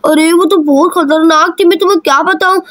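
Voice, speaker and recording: A woman's voice: very high voice, steady tone, a little fast, a bit bright, no room sound. A woman voicing a scared little village girl in a kids' doll-play story, insistent and childlike.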